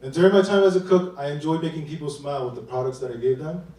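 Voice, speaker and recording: A man from Queens, New York, walks through an app demo with a rehearsed, upbeat delivery. His voice sits a bit high and sounds mellow and soft-edged. The mic picks him up from some distance in a very echoey hall. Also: steady tone, quick pace. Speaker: presenting developer. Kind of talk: scripted demo presentation. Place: large event hall.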